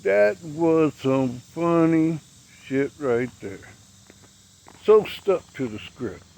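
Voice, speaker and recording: Gravelly sixty-year-old man ranting outdoors. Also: on the high side, lively intonation, drawn-out words, mellow, rough recording. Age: 60s. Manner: blunt, profane, preachy. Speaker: vlogger. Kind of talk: outdoor rant to camera.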